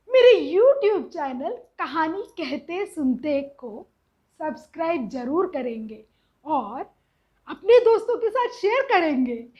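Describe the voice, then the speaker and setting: A woman storyteller narrating in an expressive, earnest way and speaking straight to her listeners, on a slightly dull recording. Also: high voice.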